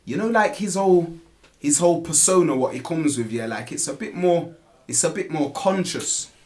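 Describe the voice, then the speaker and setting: A man's voice: a little high, lively intonation, moderate pace, a little mellow. A man with a Nottingham accent, a rapper giving a casual interview in street slang, often tagging his phrases with questions. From Nottingham, England. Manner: repeatedly tags phrases with "you get me" and "innit".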